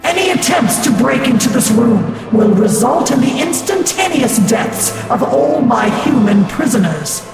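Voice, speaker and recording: A woman voicing a menacing alien shapeshifter who speaks in a captured woman's voice, making cold, commanding demands over a public address loudspeaker. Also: sing-song, a little slow, vocal fry, few pauses, full character voice. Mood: threatening. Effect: booming over a public address loudspeaker. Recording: echoey PA loudspeaker with music.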